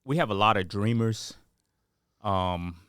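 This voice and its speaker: A man's voice: fairly low pitch, a little slow, fairly bright tone, clear, resonant tone, no room sound, studio quality. A man co-hosting a podcast in casual chat, rambling and filling his talk with "like" and "um". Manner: rambling, heavy on fillers like "like" and "um". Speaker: podcast co-host.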